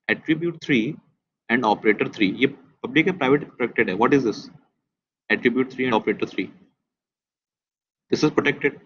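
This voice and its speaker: A man teaching a test review, mixing Hindi and English as he goes. He reads key statements out slowly, repeats them, and keeps putting questions to his class. The recording sounds dull and lo-fi, with a faint hiss behind it. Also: medium pitch, a bit bright. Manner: quizzes students with questions. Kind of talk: test discussion lecture.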